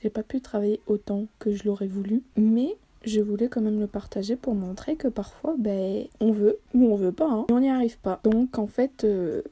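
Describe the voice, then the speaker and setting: A woman's voice: mid-range voice, moderate pace, few pauses, mellow, breathy edge. A woman vlogger talking casually over a study-with-me video, self-deprecating and hesitant, with many fillers.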